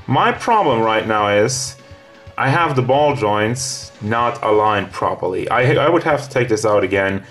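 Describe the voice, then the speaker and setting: A man's voice: lowish voice, lively intonation, a little slow, fairly bright tone. A man reviewing a toy figure in a casual, rambling way, hot and out of breath, with faint music behind him. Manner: rambling, casual, self-correcting.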